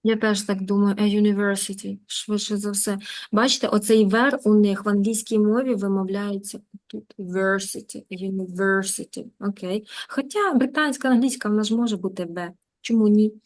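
Woman, English teacher, Ukrainian accent, lively, coaxing, drills pronunciation. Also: medium pitch, a little fast. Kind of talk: live online lesson.

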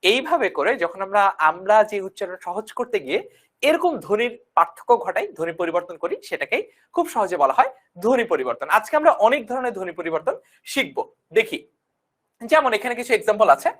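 Young woman online tutor, fast delivery, repeats and checks in often. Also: mid-range voice, big pitch swings. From Bangladesh. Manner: repeats key points and checks understanding often. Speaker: teacher. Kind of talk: online class lecture.

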